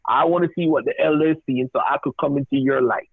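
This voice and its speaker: A man's voice: mid-range voice, steady tone, quick pace, creaky, slightly rough, dry recording. A man calling in to a talk show, joking and deferential as he asks his questions. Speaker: caller. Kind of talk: casual call-in talk. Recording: tinny phone line.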